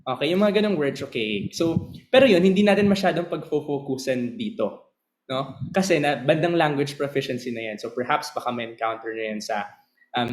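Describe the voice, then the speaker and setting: A man teaching a class, switching between Tagalog and English, often asking the students whether they follow and reading verse slowly. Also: medium pitch, poor audio. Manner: slow, drawn-out reading of verse lines. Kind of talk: lecture mixing Tagalog and English.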